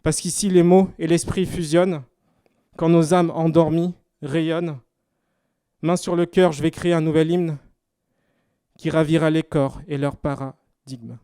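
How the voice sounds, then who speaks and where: A man's voice: on the high side, steady tone, a little slow, dark tone, smooth, no room sound, clean studio sound. A man from Paris with a Parisian French accent, performing rhymed slam poetry at a live exhibition opening. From France, Paris. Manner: rhythmic rhymed spoken-word delivery. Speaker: slam poet.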